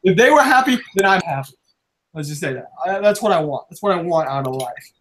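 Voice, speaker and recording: A young man with a notably high voice hosts a casual podcast. He rambles, gets excited and swears freely, often short of breath. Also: brisk. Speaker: podcast host. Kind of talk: casual chat.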